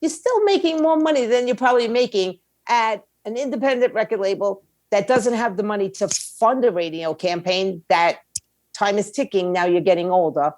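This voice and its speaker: A woman who is a music industry attorney and indie label owner gives blunt, emphatic, opinionated answers as an interview guest, using slangy phrasing and rhetorical questions. Her voice is medium-pitched and the recording is dry.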